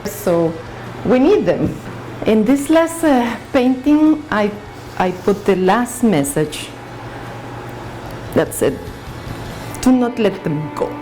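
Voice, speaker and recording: A woman's voice: medium pitch, expressive, slow pace, pauses often, over music, rough recording. A woman from El Salvador with a Salvadoran Spanish accent, an artist explaining her paintings in her studio, hesitant with frequent fillers and restarts.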